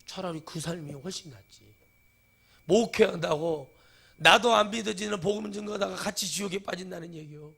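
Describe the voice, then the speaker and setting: A middle-aged male pastor preaching a sermon, swinging between quiet musing and loud exhortation. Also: high-pitched, moderate pace, vocal fry, breathy edge.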